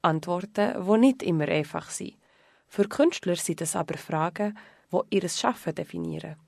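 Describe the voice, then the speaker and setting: A woman narrating a radio report in a measured, clearly articulated way. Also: fairly low pitch, a little mellow, no echo, clean studio sound.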